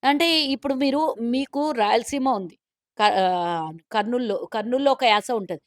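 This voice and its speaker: A woman's voice: on the high side, animated, normal speed, dry recording. A woman with a Telangana accent, a corporation chairperson speaking as a guest in a political interview in an indignant, pointed and sarcastic way. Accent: Telangana Telugu.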